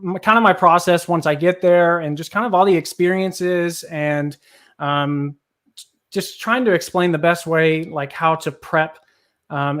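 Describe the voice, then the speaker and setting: A man's voice: a little high, fairly bright tone. Laid-back man. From Kentucky, US. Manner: laid-back, many ums and likes. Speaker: guest photographer. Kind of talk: casual talk and presentation.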